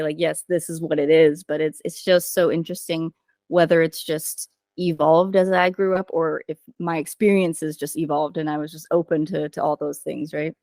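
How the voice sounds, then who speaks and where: A woman's voice: low voice, dry recording, clean studio sound. A woman hosting a podcast, chatting casually and leaning on fillers as she talks. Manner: chatty, uses many fillers. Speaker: podcast host and writing coach.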